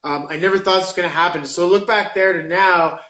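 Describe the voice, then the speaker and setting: A man's voice: high voice, fairly even intonation, fairly quick, pushed and bright, roomy sound, highs cut off. A man in his thirties, a pro fighter, chatting casually in an interview, rambling with lots of fillers. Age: 30s. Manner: rambling, lots of likes and uhs.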